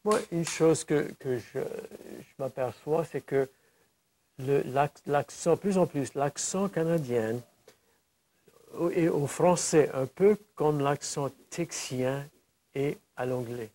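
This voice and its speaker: Halting man host. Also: fairly high pitch, darkish tone. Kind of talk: casual chat.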